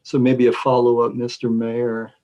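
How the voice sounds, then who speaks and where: A man serving as city commissioner, asking deliberate questions at a council meeting, with some fillers. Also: mid-range voice, completely flat delivery, mellow, dull audio. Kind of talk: formal public meeting questions.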